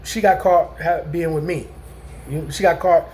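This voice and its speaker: A man near fifty talks straight to his audience in a loose, meandering vlog monologue. His voice sits unusually high for a man. He stumbles and restarts often, checking in with his listeners again and again, over a faint hiss of background noise. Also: fairly even intonation, normal speed, darkish tone. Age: 40s. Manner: rambling, repeats "you know what I'm saying", frequent restarts. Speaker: vlogger. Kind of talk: casual storytelling monologue.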